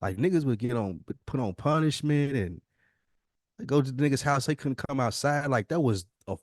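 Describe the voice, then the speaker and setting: An American man in his early forties hosts a casual conversational podcast, reflective and emphatic, often repeating himself to drive a point home. His mid-range voice has lively intonation and a moderate pace, and the recording is dry with clean studio sound.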